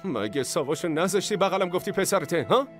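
A man's voice: high-pitched, expressive, soft background music. An actor dubbing a distraught young father in a TV drama, pleading and breaking into raised cries. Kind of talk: Persian dub of a TV drama.

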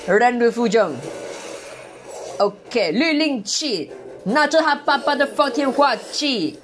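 A woman doing excitable live gameplay commentary, full of exclamations and mild curses. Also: on the high side, slow. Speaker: game streamer.

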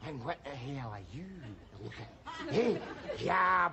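A man's voice: a little high, expressive, a little slow, very noisy. An actor playing a belligerent, mouthy middle-aged working-class man from Glasgow, with a strong Glaswegian Scottish accent, ranting sarcastically in a TV sitcom. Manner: ranting, sarcastic, bursts of jeering shouts. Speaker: sitcom lead character. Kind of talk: television sitcom acting.

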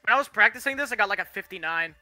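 A young man commentating his speedrun race as he plays, with excited bursts of cheering. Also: high voice, very fast, dry recording, faint music behind. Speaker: speedrunning gamer.

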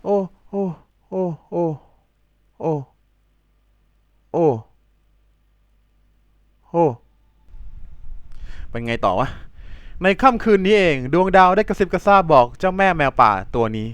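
A man hosting a let's play, talking excitably over the game and yelping and swearing when things get tense. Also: high voice, slow pace, long pauses, clear, resonant tone, dry recording. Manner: excitable, yelps and swears in panic. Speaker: gaming channel host.

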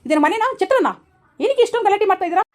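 Brief: gruff, scolding father-in-law, fast and lively, voice pushed low, put on by a woman. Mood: bossy. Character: bossy village father-in-law, self-styled senior surgeon.

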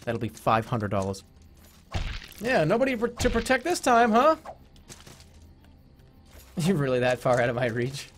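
Excitable male streamer, loud swearing bursts and laughter, very lively pitch. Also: measured pace, pauses often, soft background music. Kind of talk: gameplay commentary.

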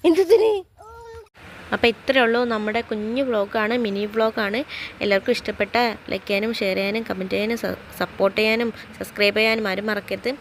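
Young woman, mom vlogger, casual and chatty with viewers; mid-pitched; noisy phone recording. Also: level tone, fast talker, fairly bright tone. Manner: chatty, easygoing, talks to viewers as children. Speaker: vlogger and mother. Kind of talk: casual vlog narration. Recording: noisy phone vlog audio.

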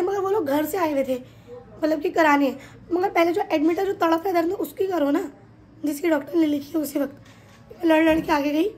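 High-voiced woman telling a family story. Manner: animated, retells events with quoted dialogue. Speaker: family vlogger. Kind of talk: casual storytelling vlog. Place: home kitchen.

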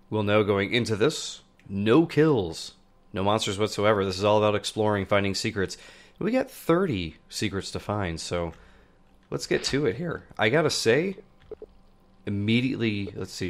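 A man in his thirties, nose stuffed up from a cold, hosts a let's play, giving gameplay commentary into a large studio mic on a boom arm. He greets viewers lively at first, then mutters low, thinking aloud to himself as he plays. He's indoors in a home room with shelves of plush toys.

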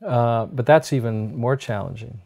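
His medium-pitched voice carries some vocal fry and a slightly mellow quality, moving at a normal speed. The speaker, a middle-aged American doctor and program host, chats about health in a folksy, explanatory manner while sitting on a sofa in a room lined with books.

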